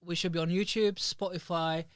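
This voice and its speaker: This podcast host has a high, clear, resonant voice with fairly even intonation, recorded on a studio mic with no room sound. Sitting in a small studio, he chats casually at a rapid clip, rambling and starting his sentences over again and again.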